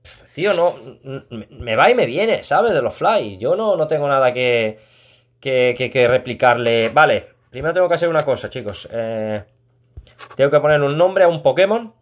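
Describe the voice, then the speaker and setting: A man chats casually while streaming a mobile game. He reads his chat aloud, talks warmly to viewers, and laughs often. He is talking a room at home. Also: medium pitch, expressive, moderate pace.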